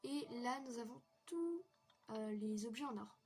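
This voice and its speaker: A woman's voice: fairly high pitch, a little slow, a little mellow, faint music behind. A young woman from France walking viewers through a game hack in a casual, hesitant tutorial full of fillers. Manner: chatty, hesitant with many fillers. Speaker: gaming tutorial youtuber. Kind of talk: casual screen-recorded tutorial.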